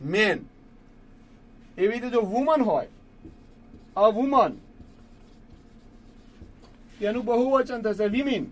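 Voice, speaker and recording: High-voiced man teaching a patient lesson. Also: lively intonation. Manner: patient, repeats each word slowly for students; addresses listeners as friends. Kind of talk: classroom lesson explaining English grammar.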